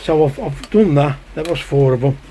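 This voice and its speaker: A koi-keeping hobbyist with a slightly high, mellow voice rambles at a normal pace in a casual vlog, chatty and exasperated about his pond pump. He films on his phone outside in heavy rain, and faint rain and outdoor ambience sit behind his voice.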